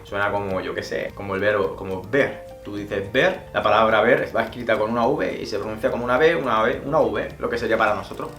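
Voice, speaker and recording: Man teaching slow pronunciation. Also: mid-range voice, fairly bright tone. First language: Spanish. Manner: slow careful demonstration of words. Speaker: German teacher. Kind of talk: pronunciation lesson. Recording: roomy echo with faint music.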